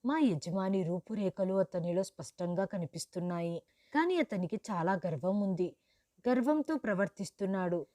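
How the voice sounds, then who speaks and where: Mellow-voiced woman narrating a story. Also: medium pitch, no echo, studio quality. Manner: steady, even reading. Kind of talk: scripted first-person storytelling.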